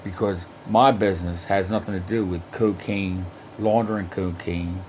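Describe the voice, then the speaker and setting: A man drawls through a long personal story at an unhurried crawl, and nearly every sentence carries a curse word. He stumbles, repeats himself and circles back, filling the gaps with "uh" and "like". A faint hum of background noise sits behind his voice. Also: lowish voice, darkish tone. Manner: heavily profane, rambling, with frequent restarts and fillers. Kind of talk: rambling first-person story monologue.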